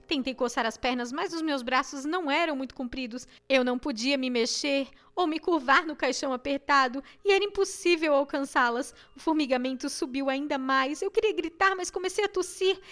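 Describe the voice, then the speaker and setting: Bright high-voiced woman narrating. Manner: expressive, acts out the frightened girl's cries. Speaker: audiobook narrator. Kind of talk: scripted first-person audiobook narration.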